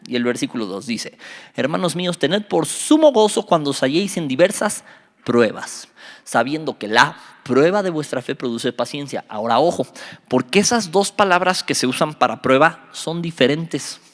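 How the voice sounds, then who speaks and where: Animated pastor in a reverberant hall. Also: male voice, a little high, moderate pace. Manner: animated, quizzes the audience, jokes. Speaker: youth pastor. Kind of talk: youth Bible study teaching.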